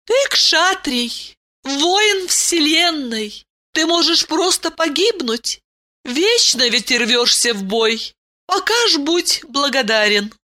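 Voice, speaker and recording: A woman voicing an ancient princess who is stern yet tender and speaks in a high, commanding, sing-song way. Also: expressive, takes it slowly, bright, forceful tone, full character voice. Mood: regal, tender.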